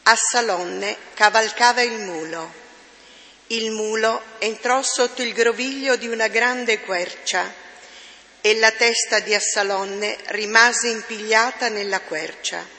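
Female lector, measured scripture reading, gravelly, long reverb. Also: on the high side, bright, forceful tone. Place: church.

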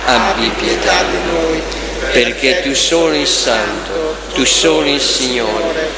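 Solemn priest in cathedral echo. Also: male voice, a little high, over a noisy crowd. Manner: slow, solemn intoning. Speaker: priest celebrating Mass. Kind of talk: liturgical prayer recitation. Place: large church. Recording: long echoing church reverb. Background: congregation.

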